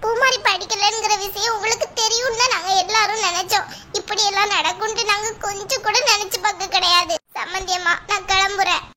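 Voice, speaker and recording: A woman's voice: extremely high pitch, fairly even intonation, brisk, bright, forceful tone, slight background noise. A woman voicing a worried middle-aged mother of the bride in a cartoon, pleading and plaintive. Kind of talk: cartoon voice acting.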